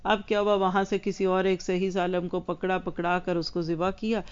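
Woman religious teacher, earnest, talks straight to her listeners, smooth tone, dull lo-fi sound. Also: on the low side, level tone. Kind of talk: religious lesson to women.

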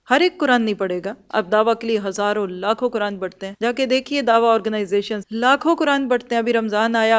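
Woman, religious lesson, earnest, rhetorical questions, smooth resonant voice, dull lo-fi recording. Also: fairly high pitch. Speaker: religious teacher. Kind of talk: Quran commentary lesson.

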